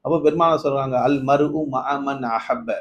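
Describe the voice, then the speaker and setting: A man giving a Ramadan night sermon, telling stories, asking his listeners questions, rising to emphatic peaks and then dropping low. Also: steady tone, moderate pace, lo-fi sound. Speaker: preacher.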